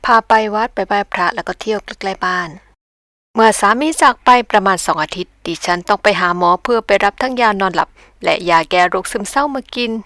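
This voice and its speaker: A woman's voice: medium pitch, brisk, a bit bright, no room sound, clean studio sound. A middle-aged woman telling her own story in a candid, reflective way for her vlog. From Thailand. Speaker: vlogger. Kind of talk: personal narration. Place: home in Japan.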